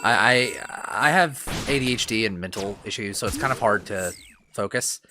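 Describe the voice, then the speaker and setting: A man's voice: lowish voice, normal speed, noisy background. A man with a lingering cough talks over his gameplay as a voice-over, rambling and self-deprecating, with lots of fillers and restarts. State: lingering cough, itchy throat. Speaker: gaming channel host.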